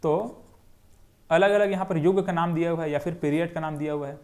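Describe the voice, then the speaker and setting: Young male teacher, a touch high-pitched, runs a lecture as repeated question and answer while drawing on a board. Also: steady tone, brisk, darkish tone. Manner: repetitive question-and-answer drilling. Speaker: geography teacher. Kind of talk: classroom lecture.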